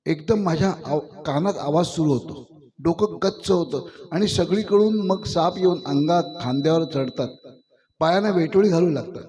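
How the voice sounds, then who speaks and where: A male reader voicing a timid, bewildered young village man who speaks in a hesitant, wondering way, with a slightly high, mellow voice. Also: normal speed, close to an everyday voice. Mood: musing.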